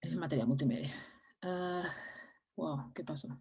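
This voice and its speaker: A woman with a low, deep voice teaches an online class. She explains things step by step and often pauses on fillers and restarts her phrases. Her tone is patient and practical. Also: darkish tone, husky. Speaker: English teacher.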